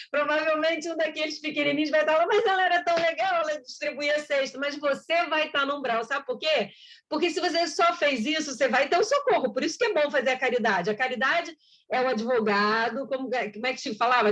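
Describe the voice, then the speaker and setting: A woman speaks in a high, light voice as she gives a Spiritist lecture. Her delivery is conversational, and she acts out small exchanges of dialogue. She talks like she is chatting with the audience. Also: fairly bright tone. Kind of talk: spoken lecture.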